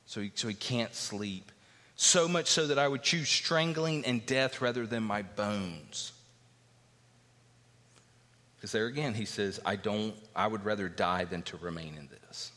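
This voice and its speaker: A man preaching in a church hall, his bright, forceful voice carrying a long reverb tail. He reads scripture passages and then unpacks them, climbing in pitch when he drives a point home. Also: measured pace. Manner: expository preaching, reads scripture aloud, rises in pitch for emphasis. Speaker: pastor. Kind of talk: sermon.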